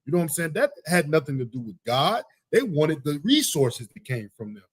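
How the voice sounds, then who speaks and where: A man's voice: fairly high pitch, sing-song, a little fast, breathy edge, no room sound. A man hosting a live talk show, giving heated, preachy religious commentary with emphatic repetition. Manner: emphatic, preachy, repeats "you know what I'm saying". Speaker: podcast host.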